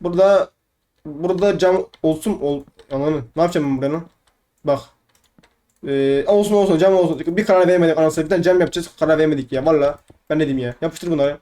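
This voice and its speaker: A man's voice: on the high side, quick pace, warm tone. A young man giving casual let's-play commentary, chatty and playfully swearing, often repeating words over and over. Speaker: gaming YouTuber.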